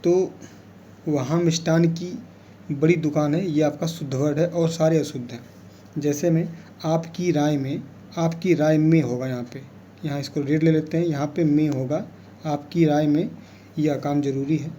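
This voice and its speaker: A man's voice: on the high side, steady tone, moderate pace, dark tone, a little hiss or hum. A man teaching an exam revision lesson, explaining patiently and repeating key words as he goes.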